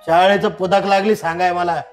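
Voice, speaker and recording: An actor playing a proud, domineering father who scolds and shouts with contempt. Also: sits high, flat delivery, normal speed, soft background music, lightly acted. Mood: angry. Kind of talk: short drama acting.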